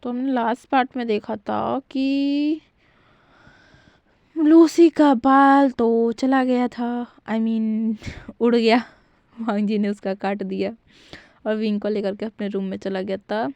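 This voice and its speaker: A woman's voice: fairly high pitch, steady tone, slow, vocal fry, darkish tone, no echo. A woman casually retelling a fan fiction story in a chatty way, with fillers and self-corrections.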